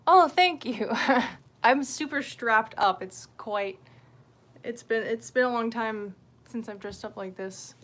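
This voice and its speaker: With a fairly high, fairly bright voice, this livestream host talks slowly. Her chat with viewers is unscripted and casual, wandering from thing to thing and peppered with swearing.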